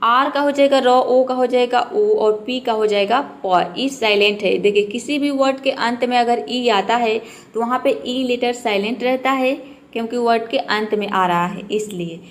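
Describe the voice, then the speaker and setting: A woman's voice: a little high, normal speed. A woman teaching an English pronunciation lesson step by step, asking and answering her own questions.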